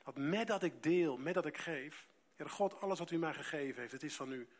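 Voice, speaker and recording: Animated preacher man. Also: on the high side. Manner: animated, rising loud on key words, slowing for emphasis. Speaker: pastor. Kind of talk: sermon.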